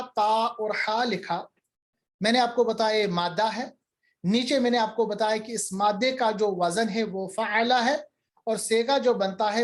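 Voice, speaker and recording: A male teacher giving an online grammar lecture, patiently repeating examples and answering student questions. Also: sits high.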